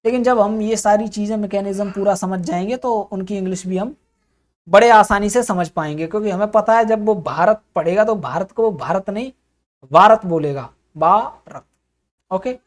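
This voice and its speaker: A woman's voice: mid-range voice, brisk, a little mellow. An English teacher, a woman, giving an explanatory spoken lesson, often posing questions to herself and then answering them.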